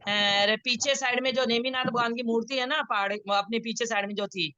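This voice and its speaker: A woman's voice: on the high side, a little fast, dry recording. A woman chatting casually, telling a story and acting out the people who scolded her. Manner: animated storytelling with acted-out scolding. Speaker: pilgrim recounting a temple visit. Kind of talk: casual chat. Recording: dull lo-fi audio, faint noise.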